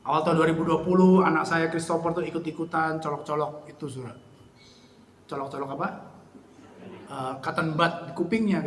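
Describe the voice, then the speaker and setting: A man preaching a Christmas sermon, telling a personal story in an animated way and addressing the congregation directly. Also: on the high side, a little hiss or hum. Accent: Indonesian. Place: church hall. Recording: echoey church hall, faint ambience.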